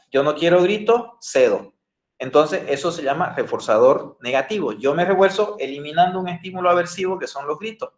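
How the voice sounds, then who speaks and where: Male lecturer, slightly high voice, roomy echo; patient explainer. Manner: explains with everyday examples, asks the class "¿no ve?". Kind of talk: classroom lecture. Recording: echoey room.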